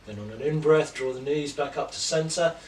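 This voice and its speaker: Male yoga teacher, soft and unhurried guided instruction, recorded from a distance in an echoey room. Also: on the high side, a little hiss or hum. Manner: slow, gentle, calm cueing of breath and poses. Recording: roomy echo, distant mic, faint ambience.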